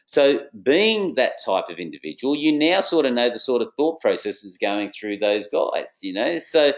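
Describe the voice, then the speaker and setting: A middle-aged man, a business consultant, telling a case story to an audience in a theatrical way and acting out the dialogue. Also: moderate pace. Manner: lively, theatrical, acts out dialogue with swinging pitch. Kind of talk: animated storytelling presentation to an audience.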